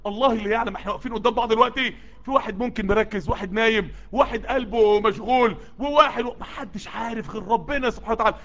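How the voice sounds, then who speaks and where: Egyptian-accented male preacher, worked up and sweaty, bright sharp voice, exhorting at speed. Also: high voice, rapid-fire. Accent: Egyptian Arabic. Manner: urgent, exhorting, repeated calls that build up. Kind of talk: sermon to a live group. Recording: dull lo-fi recording.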